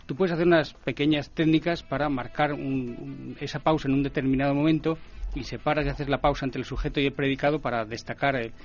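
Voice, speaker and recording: A man speaking as a guest commentator in a radio discussion, measured and explanatory. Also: mid-range voice, fairly even intonation, muffled recording, faint music behind.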